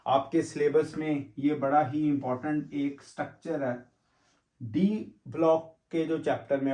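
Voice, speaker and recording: A man's voice: fairly high pitch, mellow. Echoey man teaching chemistry, question-and-answer style. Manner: explains step by step, asks and answers own questions; mixes English terms into explanation. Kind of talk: classroom lecture with board work.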